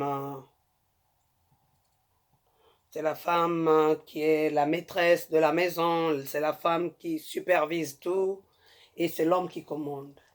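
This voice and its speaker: A woman hosting a talk show, giving marriage advice in an emphatic, repetitive way and speaking straight to her listeners. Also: low-pitched. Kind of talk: preachy talk-show monologue.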